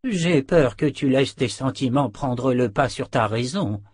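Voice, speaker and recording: A man's voice: medium pitch, animated, slightly rough, no echo, studio quality. A man doing a grave old wizard. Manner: slow, weighed words, grave. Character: old male first wizard, grave and deliberate.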